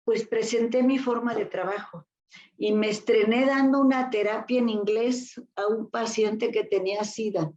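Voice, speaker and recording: Speaking at a medium pitch with a warm tone, this older Mexican woman is a guest therapist sharing career anecdotes in a loose interview. She wanders, using many fillers and starting over often. The audio is dull.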